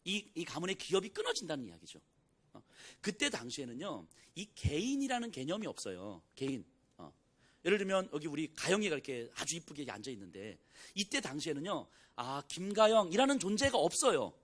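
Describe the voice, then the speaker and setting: A man's voice: on the high side, huge pitch swings, brisk, slightly rough. A man pastor giving a Sunday sermon in a conversational way, retelling scripture scenes in everyday speech. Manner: conversational preaching, acts out biblical dialogue in casual speech.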